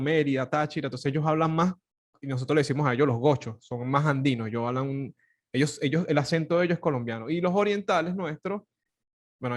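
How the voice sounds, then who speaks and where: A man with a Caracas Venezuelan Spanish accent hosts a podcast in loose conversation. His pitch sits in the middle of the male range. He talks animatedly, laughs often, and restarts phrases with fillers. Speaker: podcast host. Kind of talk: casual conversation.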